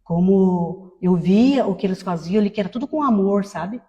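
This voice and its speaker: A woman in her fifties giving a personal testimony in a conversational way, tagging many phrases with quick questions. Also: mid-range voice, warm tone, long reverb tail, muffled recording. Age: 50s. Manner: conversational, tag questions after most phrases. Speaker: testimony speaker.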